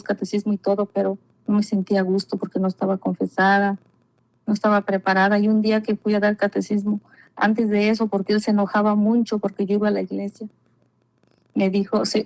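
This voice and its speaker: A woman's voice: mid-range voice, darkish tone, poor audio. A woman giving an earnest personal religious testimony, repeating herself and often calling the listener brother. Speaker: guest giving a faith testimony.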